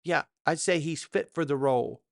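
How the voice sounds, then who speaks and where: A man's voice: fairly high pitch, moderate pace, gravelly, dry recording, clean studio sound. A man hosting a cryptocurrency show with crypto bro hype, addressing viewers emphatically and throwing rhetorical questions at them. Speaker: host of a cryptocurrency news show. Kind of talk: hype-driven market commentary to viewers.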